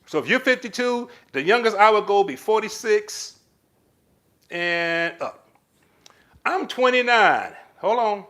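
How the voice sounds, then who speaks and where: A high-voiced man speaks at a measured pace with frequent pauses as he hosts an informal live stream. Reading viewer comments, he offers relationship advice in an animated tone, calling people "baby" and other pet names.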